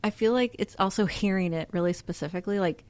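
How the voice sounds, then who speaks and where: A woman's voice: medium pitch, quick pace, darkish tone, no room sound. Brief: young female co-host, casual and giggly, dry studio sound. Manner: giggly, lots of "like" fillers. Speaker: podcast co-host. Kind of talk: casual chat. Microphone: podcast microphone.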